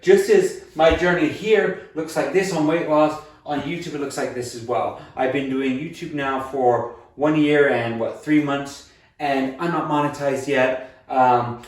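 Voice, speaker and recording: A man's voice: medium pitch, far from the mic. A man in his late twenties talking casually and earnestly in a vlog, upbeat and self-encouraging, with fillers and restarts. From USA. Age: 20s. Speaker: vlogger. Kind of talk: casual weight-loss vlog. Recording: echoey room, voice off-mic at times.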